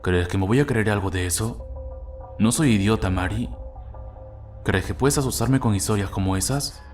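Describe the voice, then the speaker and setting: A man voicing a cruel, violent stepfather who sneers and threatens in a low voice. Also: normal speed, a little mellow, faint music behind, lightly acted. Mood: menacing. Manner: sneering, menacing.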